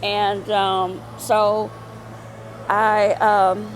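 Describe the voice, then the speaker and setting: Woman, middle-aged, slow pace, rambling with fillers, casual vlog. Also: medium pitch, level tone, a little hiss or hum, rough recording. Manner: rambling, many fillers and repeats. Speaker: vlogger.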